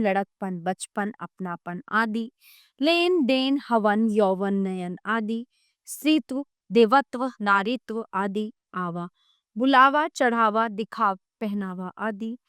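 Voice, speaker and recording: A woman reads a grammar lesson from a textbook at a very unhurried pace, pausing after each example word. Her voice sits a little high and sounds smooth and crisp. The recording is dry and close, with no room sound. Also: sharp tone, no room sound. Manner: reads word lists one by one, measured. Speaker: textbook narrator. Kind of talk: slow scripted grammar reading.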